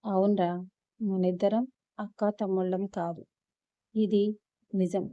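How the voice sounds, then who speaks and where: A woman storyteller voicing a pleading older sister who speaks in a coaxing, hushed way, on a dull lo-fi recording. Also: medium pitch, fairly even intonation, slow, dry recording, lightly acted.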